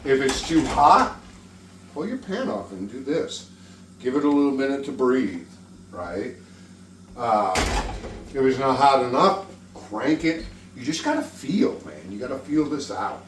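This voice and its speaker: A man's voice: mid-range voice, big pitch swings, a little slow. A man hosting a casual cooking demonstration in a folksy, joking way, with some swearing. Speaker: cooking show host. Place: indoor kitchen. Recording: roomy, distant mic, faint kitchen noise.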